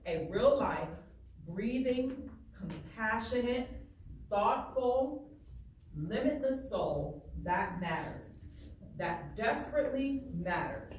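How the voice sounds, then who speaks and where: Heard from a distance in a very reverberant room with faint background noise, a female teacher reads from a book, stopping to clarify passages simply and make sure her audience understands. She speaks slowly and expressively in a slightly high voice.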